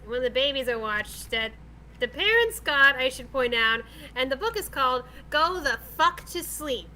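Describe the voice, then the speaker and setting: A woman's voice: high-pitched, lively intonation, moderate pace, bright, forceful tone. A woman guest on a casual stream, telling a chatty, giggly story. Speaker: guest friend.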